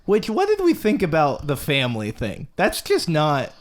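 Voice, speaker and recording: A young man co-hosting a casual movie review podcast, animated and jokey, laughing often and jumping high in pitch when excited. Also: normal speed. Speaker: podcast co-host.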